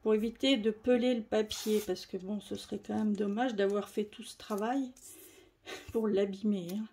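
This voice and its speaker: A woman's voice: mid-range voice, steady tone, moderate pace, mellow, slight background noise. A woman demonstrating a crafting tutorial, chatty and explaining as she works. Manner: chatty, explaining while working.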